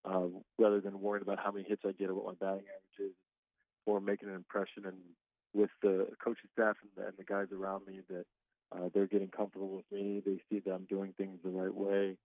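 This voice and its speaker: Over a tinny, dry phone line, a deep-voiced twenty-five-year-old man talks fast. He's a guest baseball player, relaxed and chatty, laughing often as he speaks casually.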